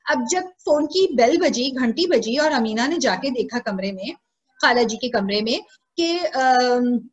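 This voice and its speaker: A woman teacher with a Pakistani Urdu accent narrates a story for young pupils in an online class. Her voice sits high and moves through a wide, animated range. The sound comes through a dull, lo-fi video call. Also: unhurried. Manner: expressive, repeats lines as questions to pupils.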